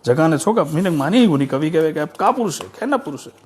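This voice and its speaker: A man's voice: fairly high pitch, sing-song, fast, a little mellow. A man with a Rajasthani accent who recites verse in a chanting way, repeating lines, and explains it emphatically. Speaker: scholar explaining poetry. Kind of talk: reciting verse with spoken commentary.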